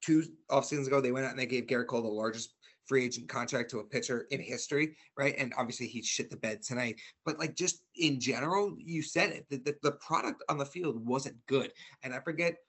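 A man's voice: mid-range voice, a little fast, fairly bright tone, breathy edge. A man co-hosting a casual sports fan talk show, ranting with frustration and stumbling over repeated words.

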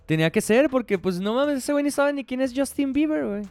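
A man's voice: very high voice, expressive, fast talker, darkish tone, faint music behind. A man with a Mexican Spanish accent, co-hosting a podcast in casual, slangy chat and laughing often. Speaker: podcast co-host.

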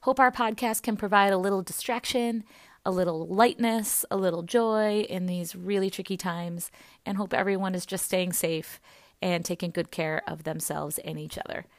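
A woman co-hosting a team podcast, chatting casually in an upbeat way with a loud voice and many fillers. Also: mid-range voice, steady tone, moderate pace, no echo. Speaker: podcast co-host. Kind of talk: casual chat.

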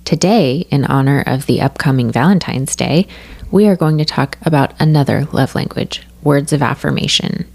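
Reading stats and prompts in an organized way, a female podcast host delivers her intro and survey numbers, then steers the chat with questions. She has a bass-low, gravelly voice with a darkish tone and speaks at a moderate pace.

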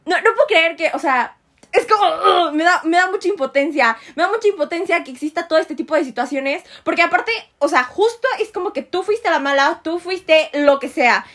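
A woman hosting a podcast, reacting in casual chat with expressive, emphatic repetition. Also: very high-pitched, normal speed. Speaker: podcast host.

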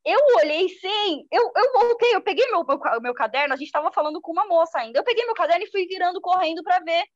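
A woman journalist telling a personal story in an interview, lively and acting out the voices of people she quotes. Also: very high voice, quick pace, no echo. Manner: lively, acts out quoted speech. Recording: dull lo-fi dry sound.

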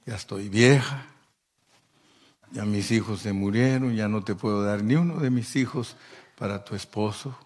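A man voicing a weary, bitter old widow who has lost her sons, pleading in a gravelly voice. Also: on the low side, normal speed, natural voice.

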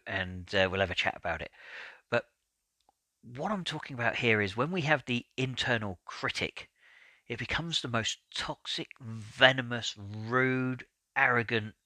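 Bright-voiced man hosting a self-help podcast. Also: fairly low pitch, dry recording. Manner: earnest, explanatory, conversational. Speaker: podcast host.

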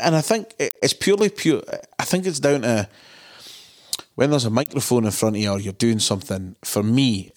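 Scottish bloke from dundee, broad accent, lowish voice, chatting as podcast host. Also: male voice. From Dundee, Scotland. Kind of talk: casual interview chat.

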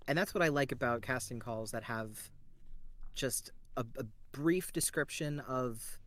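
A man's voice: mid-range voice, measured pace, fairly bright tone. A man as a podcast guest, chatting earnestly and rambling about voice acting. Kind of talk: casual chat.

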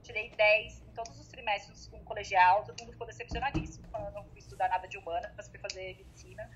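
A woman, a medical student, chatting casually on a phone line, talking in halting bursts with lots of fillers and laughter. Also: mid-range voice, steady tone, fairly bright tone, a little hiss or hum. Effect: heard over a phone line. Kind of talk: casual group chat on a call.

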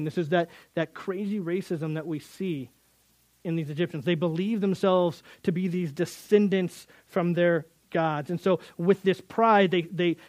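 A man's voice: sits high, no echo. A man teaching through a Bible passage in earnest, often repeating words as he builds emphasis.

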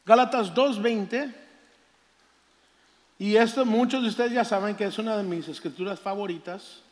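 An older man preaches, stretching out scripture with fervor before drifting into folksy childhood stories. His voice sits high for a man. The church hall around him rings with long reverb. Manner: fervent, drawn-out scripture reading, folksy storytelling. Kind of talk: sermon testimony.

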